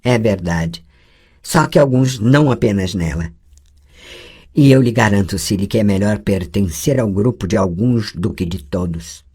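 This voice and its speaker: A reader putting on a calm, teasing sorceress from an audiobook, speaking softly and a little lower than usual. Her pitch swings in a lively way as she corrects her young pupil with patience. The feel is a gentle storybook scene. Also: unhurried, breathy edge, heavily acted. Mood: instructive. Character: patient adult sorceress woman, teasing teacher. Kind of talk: audiobook dialogue reading.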